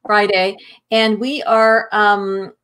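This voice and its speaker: A woman co-hosting a live health show from home, speaking at an ordinary middle pitch. She rambles through her points with many ums and restarts. Her tone stays casual and conversational. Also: flat delivery, takes it slowly, clean tone. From Southern California. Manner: rambling, warm filler-heavy talk with many ums. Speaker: co-host, nutritionist. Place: home, remote video call.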